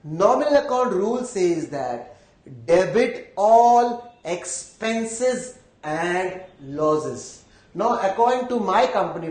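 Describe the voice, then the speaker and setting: Echoey room, Indian-accented man, high voice, accounting teacher, step-by-step explanation, repeated phrases, frequent check-in questions. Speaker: accounting lecturer. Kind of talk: live lecture, explaining step by step.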